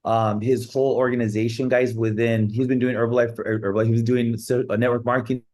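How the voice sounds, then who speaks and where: A man's voice: mid-range voice, little pitch movement, fast talker, a little mellow. Man hyping up an online guest. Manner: keeps saying "guys" and "right?". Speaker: host. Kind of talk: hype introduction. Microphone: video call.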